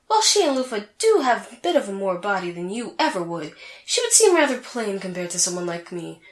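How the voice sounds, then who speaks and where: A woman's voice: medium pitch, sing-song, fairly quick, roomy sound, natural voice. A woman playing a vain, haughty sorceress in a comedic anime fan audio drama, with a boastful, theatrical delivery.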